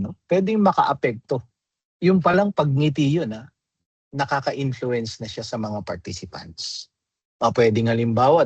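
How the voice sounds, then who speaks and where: A man's voice: mid-range voice, darkish tone, husky, dry recording. A man giving an online graduate class lecture, explaining patiently and constantly checking in with his students through tag questions. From Philippines. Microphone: computer mic in a video call.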